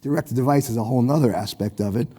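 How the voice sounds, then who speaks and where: A hoarse man who has lost his voice, speaking technically on an industry panel and clearing his throat often. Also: medium pitch, racing, warm tone, big-room sound. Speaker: panelist, satellite operator executive.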